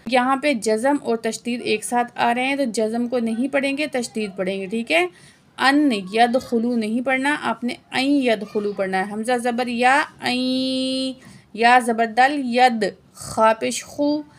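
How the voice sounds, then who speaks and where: Teaching tajweed one word at a time, this fairly high-pitched woman names each letter and vowel mark, then chants the word in a slow, stretched-out recitation. She poses quiz questions and answers them herself in brief, hushed asides.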